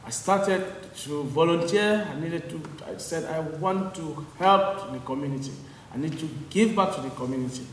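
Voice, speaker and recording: Man, earnest, self-correcting testimony, a touch high-pitched, distant mic in a reverberant hall. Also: normal speed, slight background noise. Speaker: speaker at a public meeting. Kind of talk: personal testimony. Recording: echoey hall from far off.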